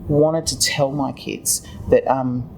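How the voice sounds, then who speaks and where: A middle-aged Australian woman from Tasmania talks through her own experience as an interview guest. She explains in halting phrases, often rewording as she goes. There is faint ambient noise behind her voice. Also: very deep voice, steady tone, a little mellow, rough recording. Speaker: interview guest, children's book author. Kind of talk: conversational personal account in an interview.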